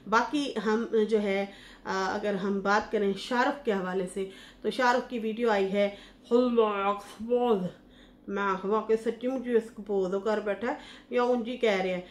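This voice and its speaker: A woman talks through celebrity gossip in a loose, chatty way, stopping on fillers and restarting her words. Her voice sits at a middle pitch for a woman. The room around her gives the sound a roomy echo. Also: steady tone, moderate pace. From Pakistan. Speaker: YouTube commentator. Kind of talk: casual reaction commentary.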